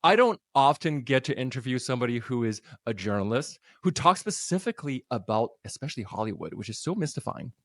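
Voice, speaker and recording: A man hosts a casual interview podcast, his pitch swinging widely as he talks. He sounds upbeat and laughs easily. The sound is dry and close, with no room around it. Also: a little fast, few pauses, no echo. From North America. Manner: animated, laughs often, upbeat. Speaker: podcast host.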